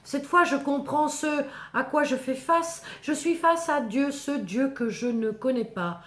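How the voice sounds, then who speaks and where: A woman's voice: high-pitched, a bit bright, pitched above the performer's own voice. A woman voicing Moses, a humble, fearful shepherd, in intense, theatrical first-person biblical storytelling. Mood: terrified. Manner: theatrical, intense, measured short phrases. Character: Moses, terrified humble male shepherd telling his encounter. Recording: echoing, reverberant voice recording.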